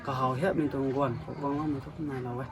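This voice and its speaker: A man's voice: medium pitch, little pitch movement, rapid-fire, noisy background. A man being interviewed as a guest in a cafe, talking unhurriedly, repeating words and mixing in English words. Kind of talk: casual interview chat.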